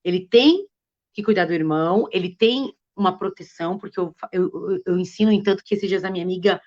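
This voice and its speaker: A woman's voice: fairly low pitch, a little fast, darkish tone. A woman, a guest on a live stream, telling stories earnestly and acting out what she says to her children. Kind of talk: casual live-stream conversation. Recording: dull lo-fi live-stream audio.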